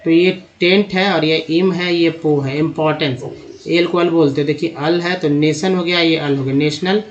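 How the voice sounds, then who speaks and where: A man with a fairly high voice teaches English reading over slides. He breaks each word into its parts and repeats the syllables one by one. The recording sounds dull and lo-fi. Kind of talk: slide-based spelling lesson.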